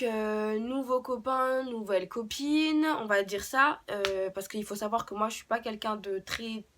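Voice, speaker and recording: Young woman vlogger, storytime to camera, halting delivery with lots of fillers, a touch high-pitched. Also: a bit bright. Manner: hesitant, many fillers and restarts. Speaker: beauty vlogger. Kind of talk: unscripted storytime.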